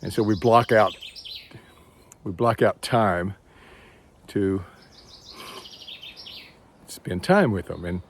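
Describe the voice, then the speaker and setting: A man's voice: lowish voice, slow, pauses often, a little hiss or hum. A man with a Texan accent, talking casually to his phone while walking outdoors on a trail, rambling and thinking aloud. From Texas. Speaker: vlogger.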